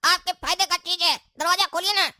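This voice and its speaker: A woman's voice: very high voice, steady tone, fairly quick, sharp tone, dry recording, clean studio sound, full character voice. Woman playing a cheeky, whiny kid. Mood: nosy. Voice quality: whiny, cheeky back-talk. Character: cheeky lazy grown child of the house. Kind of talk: comedy skit acting.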